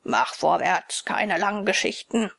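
A woman reading an audiobook, voicing gruff, threatening male robbers slowly and low. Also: lively intonation, a bit bright, full character voice. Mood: menacing.

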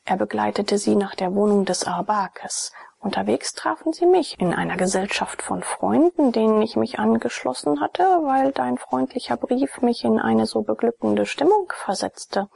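A woman reading the lines of an earnest young nobleman in an audiobook, in her own breathy, gravelly voice. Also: on the high side, lively intonation, normal speed, hardly any pauses, warm tone, dry recording, exaggerated voice.

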